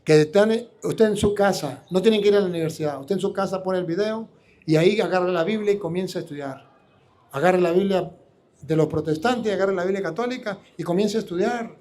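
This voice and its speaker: Priest, man, high voice, preaching live, combative and full of rhetorical questions. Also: brisk, darkish tone.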